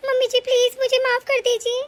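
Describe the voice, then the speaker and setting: A woman voicing a greedy, scheming young daughter-in-law from a rich family in an animated story. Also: very high voice, fairly quick. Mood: pleading. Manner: smug, scheming, later pleading.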